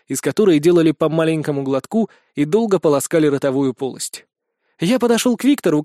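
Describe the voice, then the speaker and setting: A man narrating a novel in the first person, with an expressive, lively storytelling manner. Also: fairly high pitch, no room sound, studio quality. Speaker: audiobook narrator.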